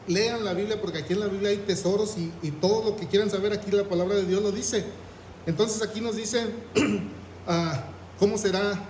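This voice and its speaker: Preacher guy, high voice, reads verses and quizzes the church, echoey room with some hiss. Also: darkish tone. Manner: reads scripture aloud, asks the congregation "¿qué?". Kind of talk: sermon.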